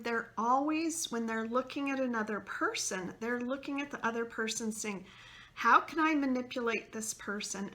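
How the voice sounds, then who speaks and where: A woman hosting a self-help video, talking to the camera in a casual, earnest way that sometimes drops to a soft whisper. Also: a little high.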